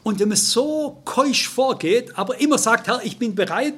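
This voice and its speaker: A man's voice: very high-pitched, animated, moderate pace, fairly bright tone, breathy edge. An older man with a Swabian accent preaching a sermon, talking emotionally and turning to his listeners again and again. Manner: emotional, addresses listeners directly, repeats "you know".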